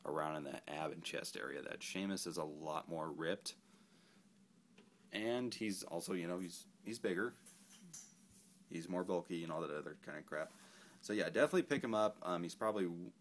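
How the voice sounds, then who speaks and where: Laid-back male toy reviewer, very low voice, rambling and self-correcting. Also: moderate pace, slight background noise. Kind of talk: casual action figure review.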